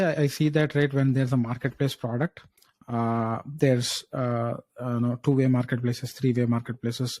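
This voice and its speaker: Thinking aloud as a job interview candidate, this man works through structured answers, pausing hesitantly and tacking on checking tags often. He has a medium-pitched, warm voice, recorded with no room sound.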